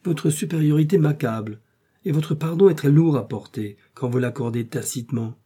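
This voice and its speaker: A man's voice: fairly high pitch, moderate pace, breathy edge, voice pushed up. A man voicing a vain, lazy husband who complains petulantly in a storybook reading. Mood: coaxing. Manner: petulant, then flattering. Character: vain, lazy, easily vexed husband, a deputy.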